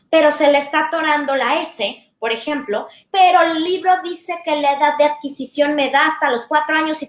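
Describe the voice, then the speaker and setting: Woman, speech therapist teaching parents, fairly high voice, roomy echo. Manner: warm, conversational, explains with examples. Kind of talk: talk to parents.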